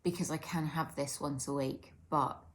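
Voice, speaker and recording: A woman's voice: deep voice, fairly even intonation, moderate pace. A British woman talking candidly and reflectively in a casual eat-with-me vlog, chatting over a drink. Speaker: vlogger sharing eating disorder recovery support.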